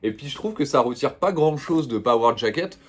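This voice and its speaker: A man's voice: mid-range voice, lively intonation, brisk, breathy edge. A young man showing off his manga purchases in a casual, slangy, rambling chat full of fillers. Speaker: manga vlogger.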